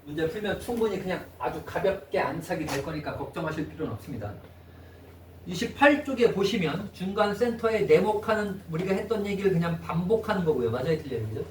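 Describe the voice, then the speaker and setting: A man lectures on math to a class, his voice pitched high and always coming back to quick questions to check that the students follow. The sound is roomy and echoey, caught from a distance with a faint hiss underneath. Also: lively intonation. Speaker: math teacher. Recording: echoey room, mic far off, faint noise.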